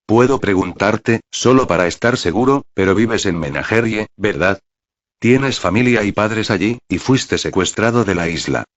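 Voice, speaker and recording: A man reading as a calm, soothing young woman. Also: on the low side, normal speed, lightly acted. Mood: gentle. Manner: gentle, soothing. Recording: dull, dry lo-fi recording.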